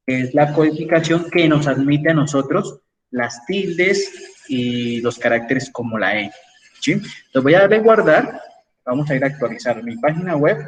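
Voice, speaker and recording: A man's voice: a little high, recorded from a distance, a little hiss or hum, poor audio. A man lecturing an engineering class online, explaining step by step and checking in with his students as he goes. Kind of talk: online class with screen sharing.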